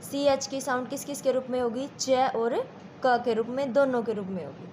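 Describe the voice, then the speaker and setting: A woman's voice: high-pitched, a little mellow, slight background noise. A woman teacher with an Indian accent giving a classroom lesson, repeating points and asking the students if they follow. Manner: slow and repetitive, checks understanding with questions.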